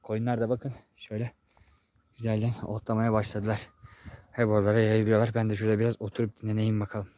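A young man vlogging outdoors in a village pasture, chatting to viewers and calling out loudly to his animals. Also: lowish voice, completely flat delivery, fast talker, no echo. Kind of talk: casual chat to camera.

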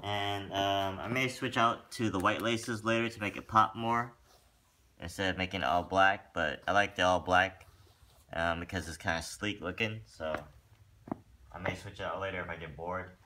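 Indoors in a wooden-floored room at home, a man reviews sneakers in a low voice at a moderate pace, with a little hiss or hum audible. The vlogger keeps it casual and rambling, leaning heavily on "um" to fill the gaps.

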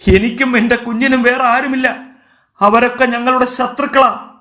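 A man voicing a distraught young wife and mother who pleads in a high, strained voice as she begs for answers. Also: level tone, normal speed, natural voice. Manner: pleading and shrill with panic.

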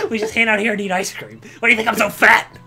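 A man's voice: high-pitched, wildly swooping pitch, moderate pace, gravelly, shouting, over music. A man co-hosting a let's play, joking crudely and giggling through casual commentary.

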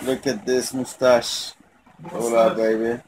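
A man's voice: medium pitch, flat delivery, slow, a little mellow, slight background noise. A young man, a native French speaker, chatting casually to a handheld phone as a travel vlogger. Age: young adult.

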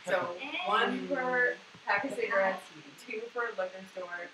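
A woman's voice: medium pitch, unhurried. A young woman from Boston gives a casual presentation to a class of English learners, chatting loosely with many fillers. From Boston, USA. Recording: echoey room with background noise.

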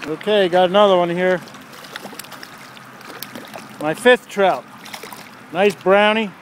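A man with a fairly high voice narrates his fishing outing in a chatty, plainspoken way, recorded outdoors on a handheld camera by a creek. Faint traffic hum from a nearby bridge sits behind him. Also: takes it slowly. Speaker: fishing vlogger. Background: faint traffic noise.

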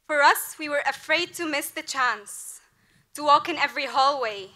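A woman's voice: high-pitched, normal speed, sharp tone. A young woman in her twenties, the graduating class representative, delivering an earnest, rhetorical commencement speech at a podium mic during a large outdoor ceremony. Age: 20s. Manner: earnest, rhetorical, building to emphatic peaks.

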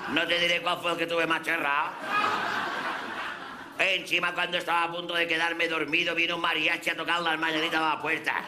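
Performing before a live café audience that laughs throughout, a man with a Mallorcan accent plays a character in a crude, rambling stand-up piece. His voice is fairly high with little pitch movement, a little fast, and the background is noisy. He comes across as a brash, crude storyteller.

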